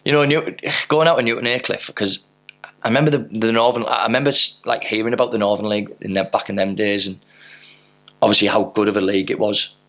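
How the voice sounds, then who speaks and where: Gravelly, flat-voiced man. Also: lowish voice, fast. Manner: rambling anecdotes with fillers and mild swearing. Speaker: podcast guest, footballer. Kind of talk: casual interview storytelling.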